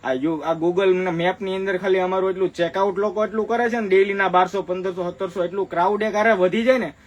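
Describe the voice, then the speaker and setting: Guy selling clothes on a live stream, high voice, chatty pushy sales patter, repeats stuff. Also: steady tone, quick pace, lo-fi sound. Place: clothing shop.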